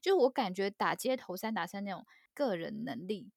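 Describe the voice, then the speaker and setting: A woman, hosting a casual interview, chatty with quick replies. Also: mid-range voice, sing-song, gravelly, a little mellow, dry recording, studio quality. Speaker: host.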